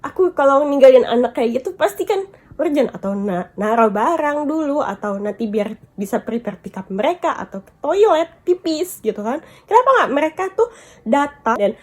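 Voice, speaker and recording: A woman's voice: high-pitched, expressive, moderate pace. A woman vlogger venting about being scolded, upset and tearful at times, mixing English and Japanese words into her talk. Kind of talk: emotional storytime vlog.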